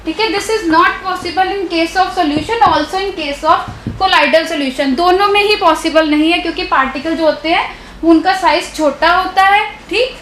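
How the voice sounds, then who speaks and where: A woman with an extremely high, fairly bright voice and a Hindi accent explains science during a live online doubt-clearing class. She repeatedly asks her students rhetorical questions to confirm they are keeping up. The rough recording sounds roomy and has slight background noise.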